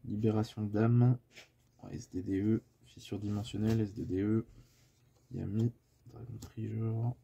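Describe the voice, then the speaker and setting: Slow, dark-voiced French man listing cards. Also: fairly low pitch, flat delivery, creaky, breathy edge. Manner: reels off card names one after another. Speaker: card collector listing cards. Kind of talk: casual card-sorting vlog.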